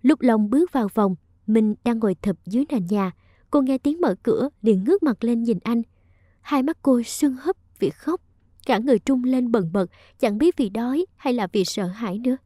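Mellow woman reading a romance story. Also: a little high, expressive, normal speed, no room sound, clean studio sound. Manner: emotive storytelling. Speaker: narrator. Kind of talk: audiobook narration of a romance story.

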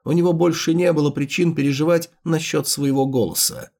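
A man's voice: on the high side, steady tone, fairly quick, creaky, a little mellow. Male narrator reading fantasy fiction. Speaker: audiobook narrator.

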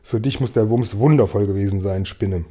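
A man's voice: lowish voice, brisk, husky, voice pushed down. A man voicing a boastful male centipede who proudly calls himself a pest, in an audiobook reading. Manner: loud, proud and gleeful.

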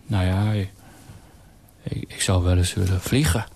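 A timid young paper shredder from a radio story, as a man puts it on, stammering and hesitant. The voice sits low and meek. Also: fairly even intonation, measured pace, darkish tone, slightly rough, heavily acted.

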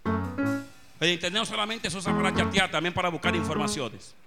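A man's voice: sits high, normal speed, creaky. A man, a pastor preaching a fervent sermon and calling on the congregation to repeat after him. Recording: music playing behind.

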